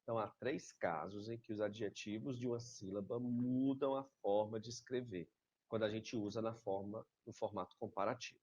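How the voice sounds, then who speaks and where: A man teaching English grammar in a recorded lesson. He explains step by step and keeps checking that students follow with quick "right?" tags. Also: fairly low pitch, a little mellow. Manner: explains slowly, often checks with "certo?" and "tá?". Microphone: webcam video lesson. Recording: slightly dull lo-fi sound.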